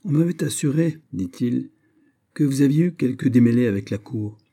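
A man voicing Aramis, an aging, subtle and wary bishop, in an audiobook reading, with a smooth, probing, mildly ironic manner. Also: mid-range voice, lively intonation, moderate pace, mellow, pitched above the performer's own voice.

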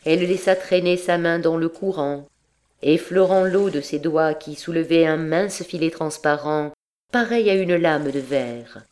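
A woman narrating an audiobook in a measured, steady storytelling manner. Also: deep voice. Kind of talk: scripted narration.

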